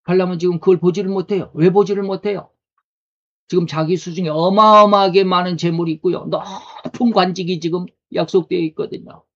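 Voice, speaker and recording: Guy preaching, kinda high voice, talks to the crowd like a chat, asks questions, muffled lo-fi sound. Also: fairly even intonation, brisk, fairly bright tone. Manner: conversational preaching with rhetorical questions. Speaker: pastor. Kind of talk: sermon. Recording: dull lo-fi recording.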